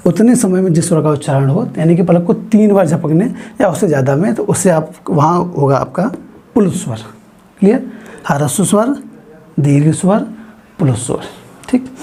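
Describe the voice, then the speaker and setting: A man teaching a grammar lesson, explaining slowly and asking his students frequent questions as he writes on a board. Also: sits high, mellow, breathy edge. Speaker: Hindi teacher.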